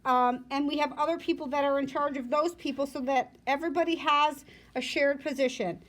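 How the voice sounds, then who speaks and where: A woman's voice: high-pitched, fairly even intonation, brisk. A woman teacher reading a textbook aloud to her class and explaining it in plain, simple words as she goes. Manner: explanatory, breaks down points for students in plain words. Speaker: school teacher.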